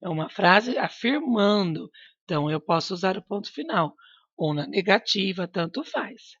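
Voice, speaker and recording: A woman's voice: mid-range voice, expressive, normal speed, no echo, muffled recording. A woman teacher giving a recorded lesson to young pupils, patient and coaxing, asking them questions and repeating her prompts. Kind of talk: recorded remote class lesson.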